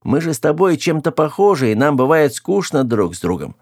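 A hesitant, evasive young man, voiced by a male reader in an audiobook. He speaks slowly and carefully, with a lively pitch. The sound is dry and close. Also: no room sound. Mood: earnest. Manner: hesitant, slow. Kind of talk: audiobook character voice.

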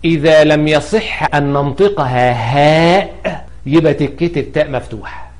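A man's voice: fairly high pitch, moderate pace. Egyptian man teaching grammar by example. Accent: Egyptian Arabic. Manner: explains by repeating examples, asking and answering his own questions. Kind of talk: spoken grammar lesson.

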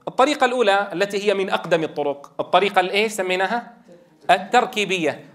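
A man's voice: high-pitched, sharp tone. A man, a Quran teacher trainer, explaining step by step and asking the class rhetorical questions. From Levant. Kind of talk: lecture.

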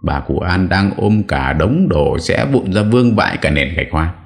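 A man narrating a horror audiobook in a steady, dramatic way. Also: deep voice, normal speed. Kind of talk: scripted horror story narration.

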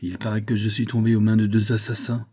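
A man's voice: on the low side, flat delivery, fast, mellow, natural voice. A man voicing an imperious young king who protests haughtily in a storybook reading. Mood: defiant.

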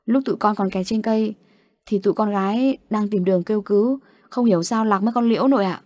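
A woman's voice: mid-range voice, fast, mellow, dry recording, clean studio sound, lightly acted. A woman voicing a frightened young boy in an audio story, who pleads in a rush. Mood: pleading.

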